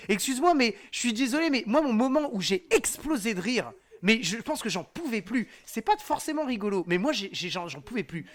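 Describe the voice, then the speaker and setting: Lively, laughing man on a podcast. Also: extremely high pitch, brisk, hardly any pauses. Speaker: podcast guest. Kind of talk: casual chat.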